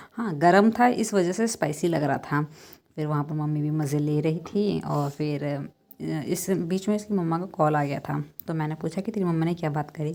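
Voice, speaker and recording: A woman chats through a casual vlog, telling a family story with easy laughs and fillers. Her voice sits a little low and sounds soft and mellow rather than bright. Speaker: family vlogger.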